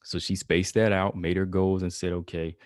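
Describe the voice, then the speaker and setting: A man's voice: low-pitched, little pitch movement, normal speed, no room sound, studio quality. A man hosting a podcast, talking casually with lots of "you know" and "like" fillers, reading quotes aloud and commenting on them. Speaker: podcast host.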